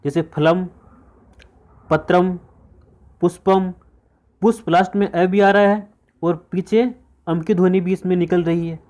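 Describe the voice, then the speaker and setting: A man's voice: high voice, steady tone, measured pace, pauses often, darkish tone. A man teaching an exam-prep grammar lesson, repeating each point and answering his own questions.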